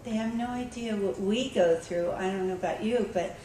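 A woman's voice: mid-range voice, moderate pace, mellow. Woman speaking in an echoey hall. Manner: conversational, with frequent ums and restarts. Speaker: school librarian speaking at a conference. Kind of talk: conference talk, storytelling. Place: conference room. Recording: echoey hall, recorded from far off with background noise.

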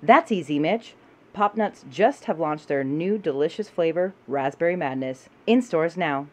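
A woman co-hosting a puppet comedy show in a deadpan manner. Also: low-pitched, measured pace. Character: blue goblin puppet. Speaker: co-host.

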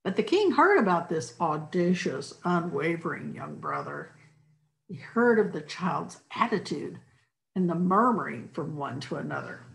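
A woman's voice: on the low side, big pitch swings, vocal fry, low-quality recording. A woman reading a rhyming children's Bible story aloud as a church storyteller. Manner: slow, rhyming storybook telling.

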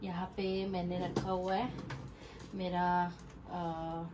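Speaking slowly in a low-ish voice with little pitch movement, a woman gives a casual, chatty house-tour vlog indoors through small rooms at home. She talks in informal Hindi mixed with English words and phrases, picked up by a distant mic with faint room noise.

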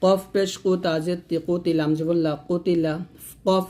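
A man teaching Quran reading, chanting letter and vowel drills in a steady rhythm. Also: high-pitched, normal speed. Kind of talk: spelling-drill lesson.

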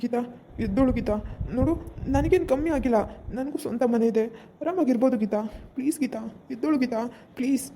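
A woman's voice: high voice, mellow, a little hiss or hum. A woman playing a young village husband who scolds his wife, then coaxes her to get up, in a comic village skit. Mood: coaxing. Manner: brisk, scolding, then coaxing.

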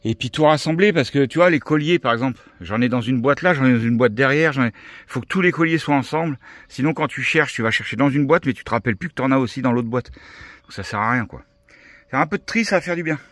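A man from France vlogging in a relaxed, chatty way, full of fillers, filming with a handheld camera near his van. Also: medium pitch, quick pace, dry recording. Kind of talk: casual vlog chat.

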